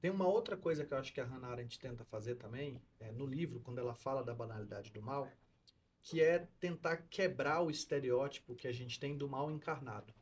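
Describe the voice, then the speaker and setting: A man's voice: mid-range voice, brisk, slight background noise. A man co-hosting a podcast discussion, explaining political philosophy in a lecturing tone as a teacher. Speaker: co-host, law and philosophy teacher.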